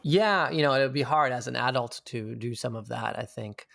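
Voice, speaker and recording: At normal speed, this male interview guest speaks with a creaky, slightly bright voice of medium pitch. There's no room sound and the quality is studio-grade. His reflective, conversational talk is searching and thoughtful, sprinkled with casual profanity.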